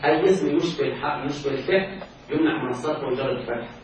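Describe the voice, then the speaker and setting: A man's voice: medium pitch, rapid-fire. A man with an Egyptian accent teaching Arabic grammar in a classroom, constantly quizzing his students on whether they follow. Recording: very echoey room, mic far off, dull sound, faint hiss.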